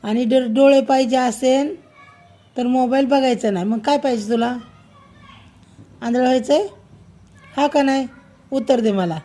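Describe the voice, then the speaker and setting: A woman's voice: high-pitched, measured pace, long pauses, dark tone. A mother scolding her child at home, firm and repeating her questions over and over.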